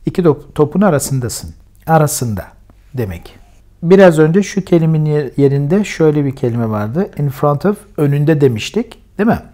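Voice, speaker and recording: A man with a Turkish accent teaching English vocabulary, patiently repeating each word slowly to drill its pronunciation. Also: a little high, big pitch swings, warm tone. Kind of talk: vocabulary lesson at a whiteboard.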